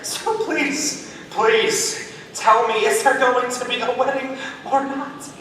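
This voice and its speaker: A student actor playing a frantic, blustering male producer who talks fast and harried on a school stage. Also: medium pitch, a bit bright. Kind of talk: school stage musical performance. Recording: echoey hall taped from far off.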